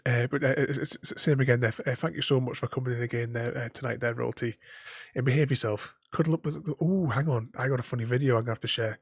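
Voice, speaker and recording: A man's voice: medium pitch, fairly even intonation, fast, gravelly, hardly any pauses, husky, dry recording, studio quality. A man chatting casually on a gaming livestream. He stutters and repeats words, laughs often and keeps thanking his viewers. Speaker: gaming streamer.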